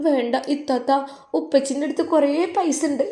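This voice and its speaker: A woman voicing a small, tearful girl who clings to her aunt and pleads softly. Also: high voice, normal speed, pitched above the performer's own voice, close to an everyday voice. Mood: pleading. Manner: soft pleading. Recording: roomy echo.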